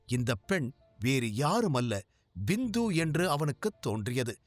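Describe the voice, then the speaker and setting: A man narrating a serialized audio story in an expressive, dramatic way. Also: medium pitch, slow pace, no echo. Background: soft background music.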